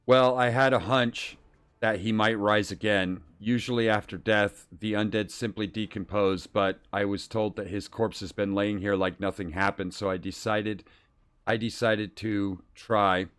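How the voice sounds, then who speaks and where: A man reading aloud the game dialogue of a stubborn, untrained would-be swordsman in a halting delivery. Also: on the low side, steady tone, fairly bright tone, smooth. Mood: earnest, bitter.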